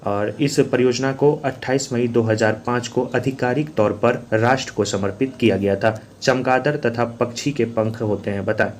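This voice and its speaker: A man's voice: mid-range voice, fairly even intonation, moderate pace, few pauses, slight background noise. A man teaching as an exam coach, working through quiz questions and answers in a repetitive, drilling manner. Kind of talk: quiz answer walkthrough lesson.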